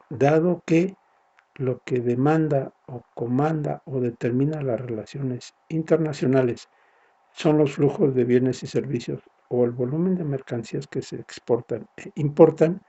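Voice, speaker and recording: Male lecturer, mellow gravelly delivery, explanatory with tag questions. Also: medium pitch, highs cut off. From Mexico. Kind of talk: recorded university lecture.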